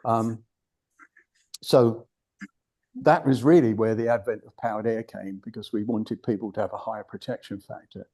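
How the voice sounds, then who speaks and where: The audio is poor, but an older British man can be heard giving an informal presentation to a club as guest speaker. His voice is fairly low, mellow and fairly even in intonation, at a moderate pace, and he's blunt and digressive, often restarting sentences.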